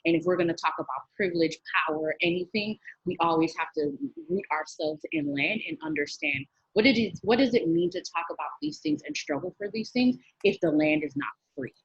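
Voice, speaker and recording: A woman's voice: fairly low pitch, lively intonation, brisk, gravelly, few pauses, breathy edge, no echo, highs cut off. A young woman from Miami, a guest speaker giving an earnest webinar talk with many fillers. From Miami, USA.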